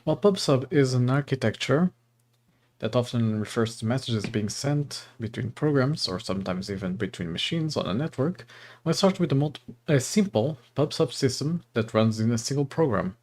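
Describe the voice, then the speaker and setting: A young man from Portugal hosts a casual coding livestream, reading course text aloud and chatting with viewers, laughing often. His accent is mixed and partly Portuguese, and his mid-range voice is animated, a little mellow, and at normal speed.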